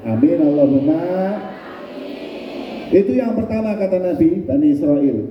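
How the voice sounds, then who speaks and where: Preacher guy, funny storyteller, kinda high voice, echoey mosque, muffled. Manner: lively, humorous, acts out voices. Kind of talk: storytelling sermon. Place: mosque hall. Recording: echoey hall, far-off mic, dull sound.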